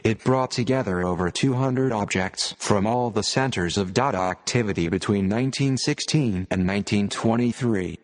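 Scripted narration is delivered by a robotic, old-style synthesized man's voice, low in pitch and measured in rhythm. The stiff reading carries the spacious sound of a large room.

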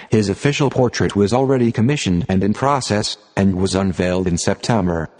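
A synthetic male voice, on the low side, reads formal written text as a narrator. The delivery is impersonal and measured, and the sound carries a long hall-like reverb. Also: darkish tone. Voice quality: synthetic computer-generated voice. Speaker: narrator of an audio reading series. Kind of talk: scripted narration, formal text read aloud.

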